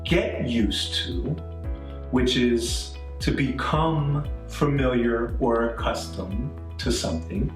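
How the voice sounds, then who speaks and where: A middle-aged man from Canada teaches English grammar with an unhurried, patient manner, circling back to his examples and checking in often. His voice sits somewhat high and moves a lot in pitch. He sounds a bit away from the mic in an echoey room, with faint music underneath. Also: distant mic. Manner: patient, repeats points, frequent "okay?" and "right?" checks. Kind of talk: classroom-style grammar lesson.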